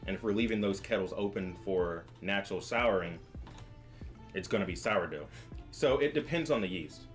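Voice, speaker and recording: A man's voice: sits low, expressive, normal speed, soft background music. A young man who works as a brewer, casually explaining beer styles with jokes. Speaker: brewer leading a beer tasting. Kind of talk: casual chat.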